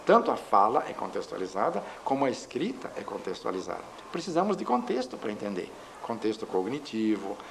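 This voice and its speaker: A man giving a measured lecture, explaining with examples. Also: mid-range voice, low-quality recording. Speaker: linguistics lecturer. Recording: faint background noise.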